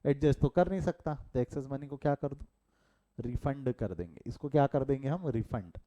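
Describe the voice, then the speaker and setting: A man's voice: mid-range voice, moderate pace, mellow. A middle-aged man with an Indian accent teaching a live online commerce class, mixing Hindi and English, quizzing his students and breaking off into chatty asides.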